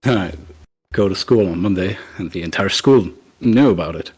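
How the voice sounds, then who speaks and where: A young man with a husky voice, casually telling a personal story in informal speech. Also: low voice, normal speed, darkish tone, low-quality recording. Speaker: viewer telling a story on a call-in show.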